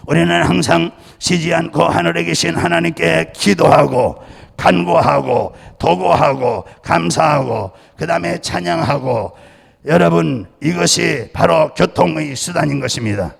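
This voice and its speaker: Gravelly pastor preaching in a reverberant church. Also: male voice, fairly high pitch, a little slow. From Chungcheong, Korea. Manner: emphatic preaching with repeated calls to believe; jokes with the congregation. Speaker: senior pastor. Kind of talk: sermon. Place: church sanctuary. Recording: long church-hall reverb.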